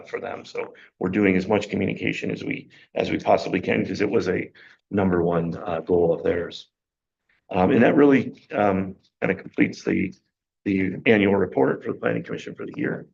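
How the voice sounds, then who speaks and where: Man, low gravelly voice, hoarse and fading, halting with ums, county meeting report, muffled lo-fi audio. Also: darkish tone. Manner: halting, many ums and uhs. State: losing his voice. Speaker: county planning official presenting a report. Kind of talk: public meeting presentation.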